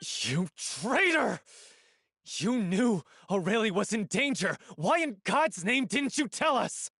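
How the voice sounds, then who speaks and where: A man voicing a hot-tempered young troupe actor in a video game, shouting emotional accusations. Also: sits high, big pitch swings, slow, gravelly, husky, no echo, clean studio sound, heavily acted. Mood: furious.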